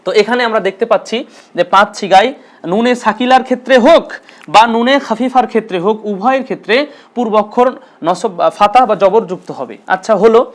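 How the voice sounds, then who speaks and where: A man's voice: high voice, quick pace. A man teaching an Arabic grammar lesson, patiently repeating terms and asking and answering his own questions.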